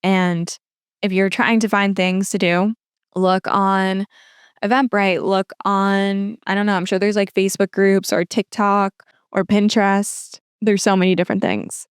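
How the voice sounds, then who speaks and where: A woman's voice: medium pitch, little pitch movement, a little slow, clean tone, dry recording, clean studio sound. A woman hosting a podcast, chatting casually as she answers listener questions, often using "like" as a filler. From lives in Toronto. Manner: chatty, filler-heavy with frequent "like". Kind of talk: casual advice chat.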